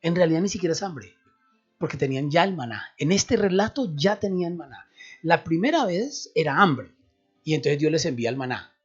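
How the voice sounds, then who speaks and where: A man's voice: fairly high pitch, brisk, slightly rough. A man explaining a Bible passage on a radio program, asking and answering his own questions. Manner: animated, explanatory, asks and answers himself. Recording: dull radio recording with faint music.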